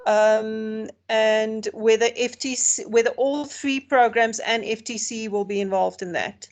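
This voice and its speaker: South African woman moderator, polite, fairly high voice, video call. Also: steady tone, a little slow. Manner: polite, relays questions. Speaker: question moderator. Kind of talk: reading out questions in a webinar.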